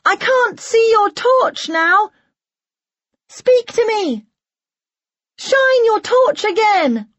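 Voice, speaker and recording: A woman's voice: a little slow, few pauses, no echo. Lisa, a woman voicing a young woman calling on a mountain. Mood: urgent. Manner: high calling voice, urgent. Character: young woman alone on a snowy mountain, anxious and brave.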